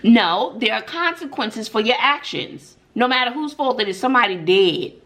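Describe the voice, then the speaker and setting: Her voice a little high, animated and a bit bright, a middle-aged woman talks at a moderate pace. As a mukbang vlogger and middle school teacher, she casually tells viewers stories and opinions, emphatic and sprinkled with rhetorical questions and frequent "mm-mm"s.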